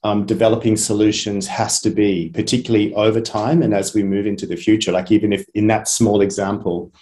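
Male webinar speaker, casual and rambling, fairly low-pitched. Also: little pitch movement, fairly quick, dark tone. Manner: chatty, hesitant with many ums. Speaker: head of a media academy. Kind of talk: webinar presentation. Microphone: video call.

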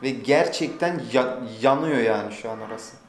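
A young man vlogging casually, complaining loudly and swearing in comic exasperation. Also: medium pitch, moderate pace, slight background noise. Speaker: YouTuber. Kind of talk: casual vlog chat. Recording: very echoey room.

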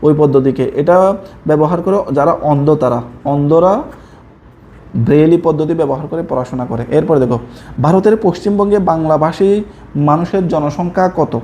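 A man's voice: fairly high pitch, steady tone, moderate pace, warm tone, slight background noise. A young man from Chittagong with a Chittagonian Bengali accent, teaching a coaching lesson from slides and repeating key answers to his students. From Chittagong, Bangladesh. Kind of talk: slide-based exam prep lesson.

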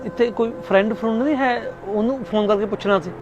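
A man acting a skit and speaking to viewers, halting and earnest. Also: high-pitched, lo-fi sound. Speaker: skit creator and actor. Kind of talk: scripted skit and address to viewers.

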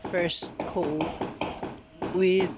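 A woman giving a slow, casual tour of her house being renovated, recorded on a phone. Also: fairly low pitch, flat delivery, very noisy. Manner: slow, plain narration with fillers, teasing the workers. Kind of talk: casual home tour vlog. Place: outdoors and inside a house under construction. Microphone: phone camera held by the speaker. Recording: dull phone audio, voices around.

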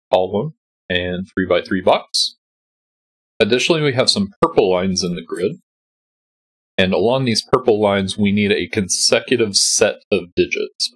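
Hosting a calm, step-by-step sudoku walkthrough, a man patiently explains his solve and thinks aloud in a voice-over on a screen recording. His voice is lowish, husky, and stuffy from congestion, and the recording quality is low.

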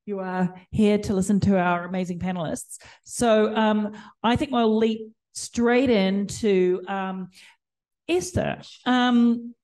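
A woman in her forties with a husky, throaty voice from a chest cold, moderating a panel in a hesitant, self-deprecating way. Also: mid-range voice, fairly even intonation, slow, a little mellow. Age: 40s.

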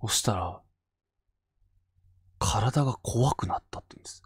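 A man from Fukushima hosting and narrating a spoken ghost story, dropping to hushed tones for tension. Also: medium pitch, animated, moderate pace, husky, dry recording, clean studio sound. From Fukushima Prefecture, Japan. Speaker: ghost story teller and host.

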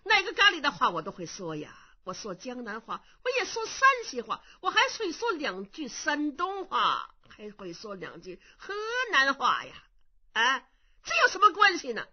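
A woman storyteller voicing a scheming old man who poses as a monk elder, blustering and swearing in a deep growl. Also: wildly swooping pitch, normal speed, husky, heavily acted. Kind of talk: traditional Chinese storytelling. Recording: dull lo-fi recording.

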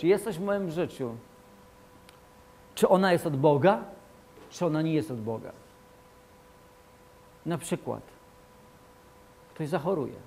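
Preaching as a pastor, a man with a voice on the high side delivers an emphatic, repetitive sermon, moving back and forth between loud proclamations and quiet asides.

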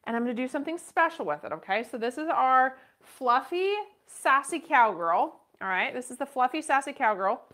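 Inside a western boutique shop, a thirties-aged woman livestreams a purse auction, chatting brightly as she calls the bids. Her voice sits high and is expressive and fairly bright, moving at a moderate pace with hardly any pauses.

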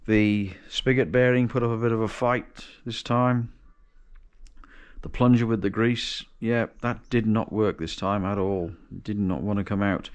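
A home mechanic vlogger, working in a large and cluttered indoor garage, chats through an engine rebuild, thinking aloud and frequently correcting or restarting himself. His lowish voice is clean and steady at a measured pace. Sound from his chest-mounted action camera is lo-fi.

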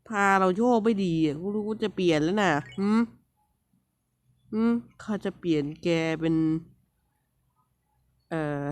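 A man with a voice that sits high gives casual let's-play commentary on a platform game, with no room sound. He is playful, teasing and scolding the game characters with frequent little exclamations.

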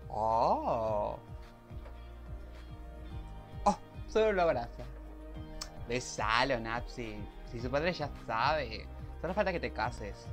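A young man, reacting excitedly to a series episode and reading its subtitles aloud, often shrieking. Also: mid-range voice, measured pace, faint music behind. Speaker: reaction video host. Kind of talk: casual reaction commentary.

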